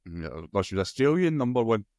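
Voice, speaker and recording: Casting: co-host, crude joker, pitch swings widely, lowish voice. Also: male voice, big pitch swings, a little fast, a little mellow, no room sound, clean studio sound. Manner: crude, swears a lot, jokey banter. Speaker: podcast co-host. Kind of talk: casual chat.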